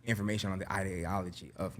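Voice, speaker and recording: Fast-talking man, slightly low voice. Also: steady tone. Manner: slangy, agreeable, repeats affirmations. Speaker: podcast host. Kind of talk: casual podcast chat.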